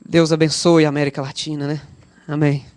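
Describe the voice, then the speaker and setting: A man's voice: fairly high pitch, little pitch movement, brisk, darkish tone, dry recording. A man with a Brazilian Portuguese accent, a pastor leading a spontaneous prayer in a church service, fervently calling on God and Father between every phrase.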